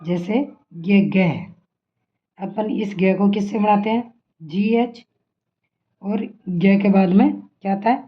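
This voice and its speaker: Woman teacher, slow and patient, quizzing a class; muffled lo-fi recording. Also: mid-range voice. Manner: slow, repeats and asks the class questions. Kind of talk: classroom lesson teaching script spelling. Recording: dull lo-fi sound.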